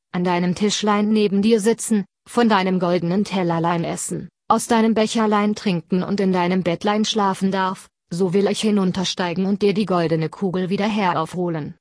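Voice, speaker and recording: A pushy little storybook frog, pleading and then demanding, as a woman reads him in her own voice. The pitch sits in the middle and the telling stays plain. The sound is dry and close. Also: darkish tone, dry recording, close to an everyday voice. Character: frog begging a princess, male, pleading.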